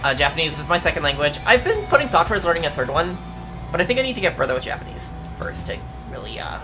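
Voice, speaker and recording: A young adult VTuber streamer chats casually and answers viewer questions, rambling hesitantly with lots of ums, many fillers and the occasional mild swear. Her medium-pitched voice is very animated and fast, but the audio is poor and music plays in the background.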